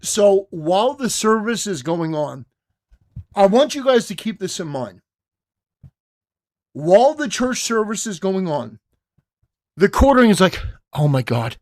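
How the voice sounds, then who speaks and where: A man's voice: high voice, big pitch swings, a little slow, pauses often, darkish tone. A man hosting a live stream, ranting in scornful, confrontational commentary aimed straight at his target.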